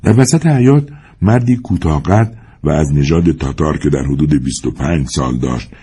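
A male narrator reads a novel aloud in a very deep, husky voice. His delivery is expressive and animated, rising and falling with the drama of the story. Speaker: audiobook narrator.

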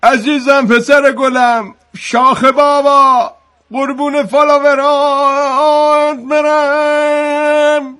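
A shrill, bright-voiced father who scolds and then fusses over his son, as a man puts him on. The voice sits very high and sharp, like a comic sketch parent. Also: level tone. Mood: coaxing. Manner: shouting insults, then mock-sweet coaxing. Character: scolding father in the dark, middle-aged man.

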